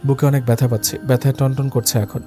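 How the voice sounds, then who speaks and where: A man's voice: mid-range voice, flat delivery, fast, dark tone, faint music behind, close to an everyday voice. A man voicing a frightened, timid young wife who pleads in a trembling voice. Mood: pained.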